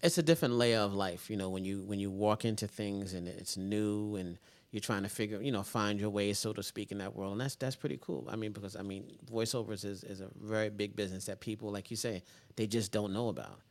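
A man hosting a casual interview, repeating phrases and filling pauses with um and you know. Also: fairly low pitch, fairly even intonation. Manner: repeats words, laughs, many fillers. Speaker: interview host.

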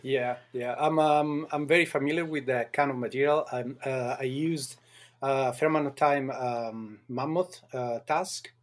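A man's voice: mid-range voice, fairly even intonation, normal speed. Hesitant man, guest on a podcast. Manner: hesitant, repeats words when starting. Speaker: guest knifemaker. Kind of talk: casual podcast chat.

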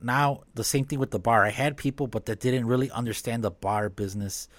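Relaxed, halting male podcast guest. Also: medium pitch, no room sound. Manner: relaxed, halting with many restarts and fillers. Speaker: podcast guest, business owner. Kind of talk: casual conversation.

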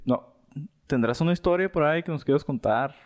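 A man's voice: a little high, brisk. A man with a Mexican accent chatting casually as a podcast co-host, full of slang. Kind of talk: casual chat among friends.

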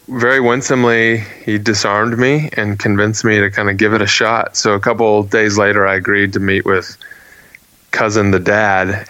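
A man telling a personal story as a guest in a casual interview, earnest and animated, often restarting his phrases. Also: fairly low pitch, no echo, low-quality recording.

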